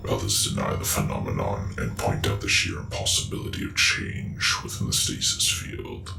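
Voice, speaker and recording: A man in a whispered role-play narrates scripted lore as a gruff space marine, in a solemn, measured, gravelly voice. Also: a bass voice. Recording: echoey, with music underneath.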